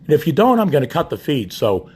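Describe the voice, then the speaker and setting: A husky-voiced man speaks into his phone from a hospital room. He is belligerent and profane, ranting at whoever is in the room and at his online audience. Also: fairly high pitch, huge pitch swings, fast. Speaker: patient livestreaming from a hospital bed. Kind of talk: ranting livestream monologue. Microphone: phone held by the speaker.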